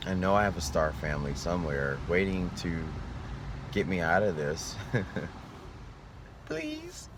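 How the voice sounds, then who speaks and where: Male vlogger, low voice, tired and yawning, earnest and rambling; noisy outdoor street recording. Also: moderate pace. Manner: rambling, earnest, sometimes trailing off. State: sleepy, yawning. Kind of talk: reflective vlog monologue.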